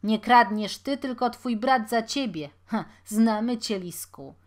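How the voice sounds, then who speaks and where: A woman voicing a burly, hostile male watchman with a thick, coarse voice, shouting threats in an audiobook. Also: medium pitch, lively intonation, slow. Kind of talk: audiobook character voice.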